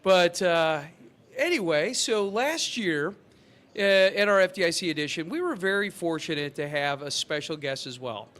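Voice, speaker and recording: A man hosting a fire service podcast, his voice sitting a little high. He talks in a halting way and restarts his sentences often. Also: expressive, fairly bright tone. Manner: halting, many fillers and restarts. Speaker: podcast host. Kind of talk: casual podcast chat.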